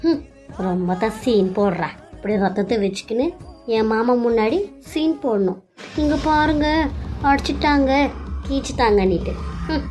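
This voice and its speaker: A woman's voice: fairly high pitch, normal speed, a little mellow, faint music behind, close to an everyday voice. A woman voicing a spiteful, scheming young woman who taunts and sneers. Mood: sneering.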